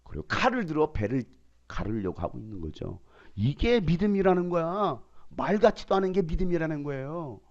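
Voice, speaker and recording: A man preaching a sermon as pastor, emphatic, swinging between loud bursts and quiet asides, acting out quoted voices. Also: on the high side, sing-song, brisk, lo-fi sound. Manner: acts out quoted dialogue in changed voices.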